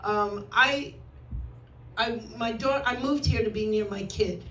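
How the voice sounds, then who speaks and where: A woman in her sixties with a strong New York accent works a club crowd with brash, wisecracking stand-up. Her voice sits a little high and she takes her time with each line. It sounds roomy and a little distant, picked up from across a club. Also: slow, a bit bright, a little hiss or hum. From New York, USA. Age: 60s. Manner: brash, self-mocking, wisecracking. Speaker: stand-up comedian. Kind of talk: stand-up comedy set. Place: comedy club stage.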